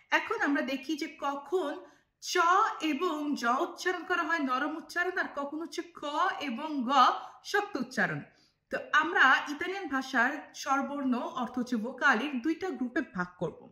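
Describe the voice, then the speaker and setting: Woman, language teacher, high bright voice, spells out syllables one by one, echoey room. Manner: slow, syllable-by-syllable letter drilling. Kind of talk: pronunciation lesson.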